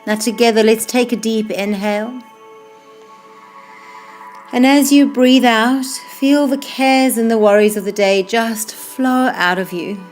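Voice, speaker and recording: A female yoga teacher with a fairly high-pitched voice leads a guided meditation at a slow, soothing pace. Her unhurried phrases trail off softly over background music.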